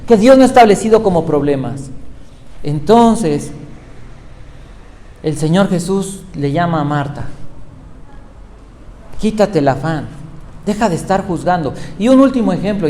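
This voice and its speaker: A man's voice: fairly high pitch, warm tone. A male pastor giving a sermon, retelling Bible stories and putting questions to his listeners. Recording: echoey hall with faint noise.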